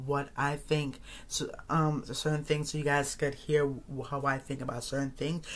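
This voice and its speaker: Rambling man in his thirties hosting. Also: on the high side. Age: 30s. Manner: rambling, repeats phrases and restarts often. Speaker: podcast host. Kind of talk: casual solo monologue.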